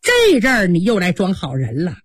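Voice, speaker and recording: A woman's voice: on the low side, wildly swooping pitch, moderate pace, breathy edge, no room sound, studio quality, pitched below the performer's own voice, exaggerated voice. A woman voicing a fierce, hot-tempered mistress of the house who scolds and commands sharply. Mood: furious scolding.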